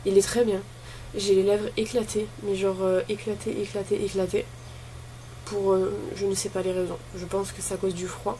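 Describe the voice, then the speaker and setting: A woman's voice: mid-range voice, flat delivery, moderate pace, warm tone. Casual, rambling woman vlogger with noisy background. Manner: informal, rambling, thinking aloud. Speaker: beauty vlogger. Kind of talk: casual chat while opening advent calendars. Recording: clearly noisy, ambient background noise.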